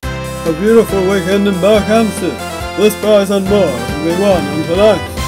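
Man putting on a slow, grandiose game show announcer. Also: high voice, over music.

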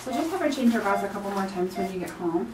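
Fast-talking clinic woman in an echoey room. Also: mid-range voice, lively intonation, recorded from a distance. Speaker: clinic nurse or assistant. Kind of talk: casual practical instructions. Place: small clinic treatment room. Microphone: distant camera mic. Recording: echoey room, off-mic, busy background.

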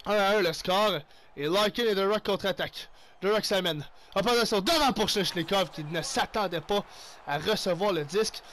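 Excitable Québécois man calling hockey. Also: high voice, normal speed, slight background noise. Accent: Québécois French. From Quebec. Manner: excitable play-by-play, mixes English exclamations and Quebec swearing. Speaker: gaming YouTuber. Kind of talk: live hockey game commentary.

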